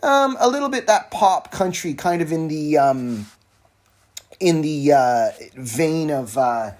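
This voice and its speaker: Alone with a phone nearby, a male podcast host chats loosely about music in an informal solo recording. His voice sits on the high side and sounds animated yet slow and a touch mellow, and he often cuts himself off to toss in wry, offhand remarks.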